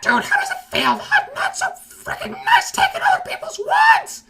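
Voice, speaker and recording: A shrieking, gloating kid wizard. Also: male voice, very high voice, lively intonation, normal speed, pitched above the performer's own voice, exaggerated voice. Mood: shrill gloating. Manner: shrieking, mocking, triumphant yells. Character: shrill gloating young boy wizard player.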